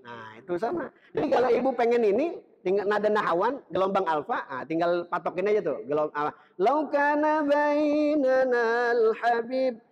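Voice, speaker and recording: A man's voice: sits high, sing-song, fairly quick, lo-fi sound. A man giving a religious lecture in a mosque, talking conversationally to the audience and breaking into chanted Quran recitation to show melodies. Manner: conversational, addresses the audience directly. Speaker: Islamic preacher. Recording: long reverb of a mosque hall.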